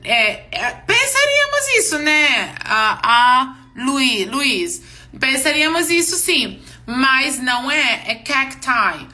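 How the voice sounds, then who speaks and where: Bright-voiced woman teaching pronunciation slowly. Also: sits high, lively intonation. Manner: slow, drawn-out model words; checks in with "yes?" and "ok?". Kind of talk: live online class. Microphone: live-stream mic.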